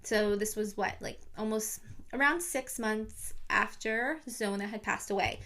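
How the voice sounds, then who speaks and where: A woman's voice: mid-range voice, a little slow, bright, forceful tone. A young woman casually retelling a true crime story to her viewers on camera, chatty and full of fillers. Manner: chatty, lots of "like", talks to viewers.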